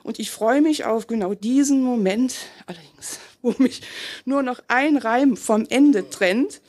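A woman performs her own slam poem on a festival stage. Her voice sits a little high and sounds husky. She rides the rhymes with a rhythmic, self-mocking delivery. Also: a little slow, a little mellow. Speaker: slam poet.

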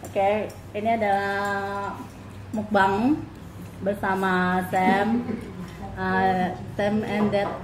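A woman's voice: medium pitch, little pitch movement, extremely slow. A woman chatting casually and teasingly while eating on a mukbang video. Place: small hard-walled indoor room at a table. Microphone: camera a short distance away. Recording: echoey room with background noise.

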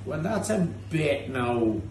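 Speaking slowly with big swings in a fairly high, darkish voice, a thirty-something Cork man hosts a pub tasting show. His casual talk over the drinks is cheeky and teasing, with plenty of swearing. The mic sits far off, and the indoor bar sounds echoey with faint noise.

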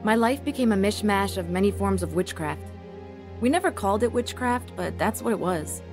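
An actress both narrates and performs as a rebellious, angry young woman in a first-person radio drama, here in a reflective mood. Her mid-range voice is expressive and natural at a normal speed, with music playing behind her.

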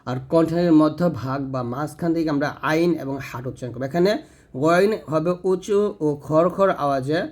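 A man teaching Quran pronunciation, sounding out each Arabic letter slowly and then explaining how the tongue and throat should move. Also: fairly high pitch, a little mellow. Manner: self-corrects mid-lesson.

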